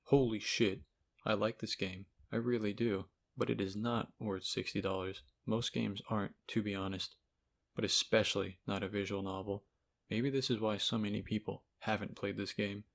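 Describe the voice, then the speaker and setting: A man with a lowish, gravelly voice speaks at a moderate pace in a steady tone. He's a game reviewer delivering a casual, opinionated video essay, informal and laced with sarcasm and swearing. It's recorded on a cheap mic.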